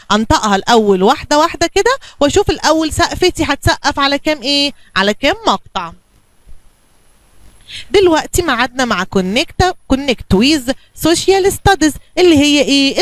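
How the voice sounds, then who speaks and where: Egyptian woman teacher, high bright voice, dry close sound, coaxing classroom tone. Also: dry recording. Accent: Egyptian Arabic. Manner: coaxing, asks and answers her own questions. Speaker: kindergarten teacher. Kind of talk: bilingual classroom lesson for young children.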